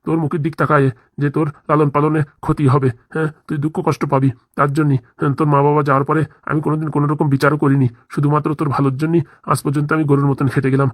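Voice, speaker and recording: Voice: mid-range voice, little pitch movement, racing, no room sound, lightly acted. A voice actor playing a grumbling, self-pitying village grandfather in a cartoon comedy, with a stammering, rustic way of talking. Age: older. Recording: dry close studio voice.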